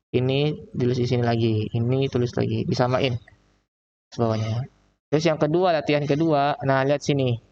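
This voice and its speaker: A man teaching Arabic with a Jakarta accent, slowly drawing out the example phrases in a recorded online lesson. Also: mid-range voice, a little mellow, lo-fi sound, slight background noise. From Indonesia. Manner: slow, drawn-out reading of example phrases. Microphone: laptop mic.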